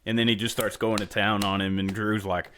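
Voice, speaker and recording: A man co-hosting a podcast in casual chat, laid-back and quick to laugh. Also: lowish voice, little pitch movement, sharp tone, a little hiss or hum. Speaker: podcast co-host.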